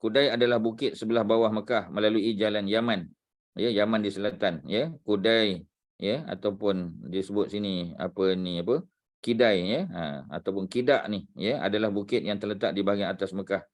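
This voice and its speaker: A man teaching a religious class, unhurried, searching for words aloud and dropping frequent fillers. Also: fairly low pitch, steady tone.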